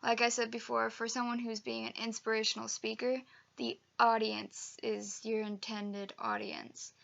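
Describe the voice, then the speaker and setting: Young woman, acting coach type, chatty and emphatic, slightly high, bright voice. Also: level tone, normal speed, vocal fry, dull audio. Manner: chatty, emphatic, with fillers and self-corrections. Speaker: acting teacher. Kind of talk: casual instructional video.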